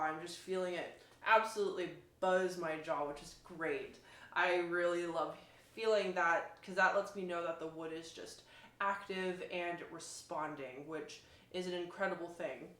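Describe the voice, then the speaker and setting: Her pitch is fairly low and her tone a bit bright as this woman, a violinist, reviews an instrument. She demonstrates casually and enthusiastically, stressing points and explaining throughout, in a roomy, echoey recording.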